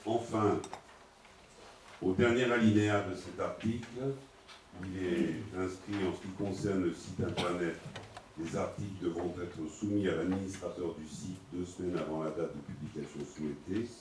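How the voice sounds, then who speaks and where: Deep man in cathedral-like echo. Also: fairly even intonation, darkish tone. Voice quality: measured, formal, reads out legal wording. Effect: heavy cathedral-like echo, voice heard from far off in a large hall. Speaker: municipal councillor. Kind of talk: formal reading of amendments at a council meeting. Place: large echoing council chamber. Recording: very echoey distant hall recording with faint noise.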